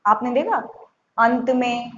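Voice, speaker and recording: A woman teacher explaining a grammar lesson to young schoolchildren, patient, repeating points and sounding out examples slowly. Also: fairly high pitch, fairly bright tone. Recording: muffled echoey room with faint hiss.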